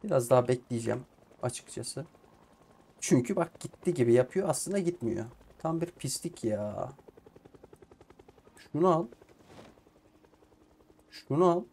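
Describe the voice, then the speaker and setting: This man's mid-range voice is expressive, gravelly and darkish, moving at a measured pace with frequent pauses. He's a streamer doing casual let's play commentary on a survival game, swearing at it often out of frustration while chatting to himself and the on-screen characters.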